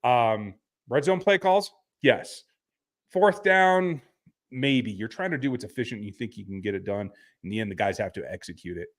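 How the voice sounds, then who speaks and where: A man with a middle-pitched voice talks sports in a loose, blunt way, stopping and restarting with plenty of fillers. He sounds like a podcast host on a remote call. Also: expressive, normal speed. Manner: blunt, laid-back, frequent fillers and restarts. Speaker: podcast host reading listener texts. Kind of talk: casual sports talk.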